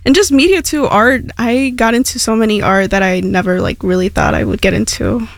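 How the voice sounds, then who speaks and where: A woman's voice: on the high side, animated, brisk, creaky, no echo, studio quality. A young woman from Mexico whose first language is Spanish, chatting casually as a radio guest with lots of "like" and "um". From Hidalgo, Mexico. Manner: chatty, rambling, many fillers like "like" and "um". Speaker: radio station intern, guest. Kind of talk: casual interview talk.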